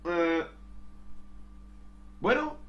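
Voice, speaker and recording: A man commentating his own game, excitable, swearing and saying "tío" all the time. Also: high voice, very slow, echoey room, lo-fi sound. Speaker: gaming youtuber. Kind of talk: casual gameplay commentary.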